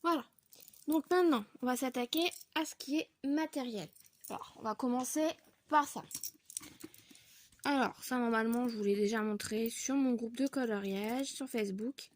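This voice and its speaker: A woman vlogger showing her coloring supply purchases in a casual haul video, chatty and filling pauses with little connecting words. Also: on the high side, slight background noise. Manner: chatty, fills pauses with donc and voilà.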